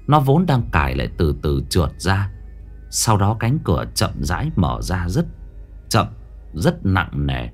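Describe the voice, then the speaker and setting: A man with a low voice narrates a ghost story, drawing out the tense moments with slow, dramatic pacing. His pitch rises and falls in a lively way, and faint music plays underneath.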